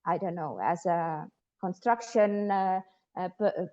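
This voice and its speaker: A woman's voice: fairly low pitch, unhurried, darkish tone, highs cut off. A woman from Estonia, a guest sociologist answering interview questions thoughtfully with frequent hesitations. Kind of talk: interview conversation.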